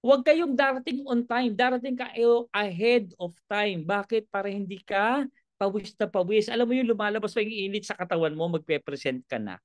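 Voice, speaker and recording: A man's voice: high-pitched, normal speed, no room sound. A man giving a motivational sales seminar, joking with the room and asking one rhetorical question after another. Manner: lively, joking, keeps asking "bakit?" and "di ba?"; jumps between loud lines and quiet asides. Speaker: business trainer.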